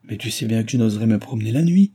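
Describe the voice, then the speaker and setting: A man voicing an innocent, bewildered young noblewoman in an audiobook, speaking gently and candidly. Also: fairly low pitch, animated, rapid-fire, breathy edge. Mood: gentle. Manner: gentle, candid, wondering questions.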